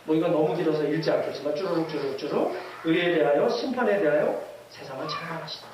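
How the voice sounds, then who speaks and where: A male pastor preaching a sermon in a church, lively and often asking the congregation questions and leading them in readings. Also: on the high side, fast. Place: church sanctuary. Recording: echoey hall from far off, faint hiss.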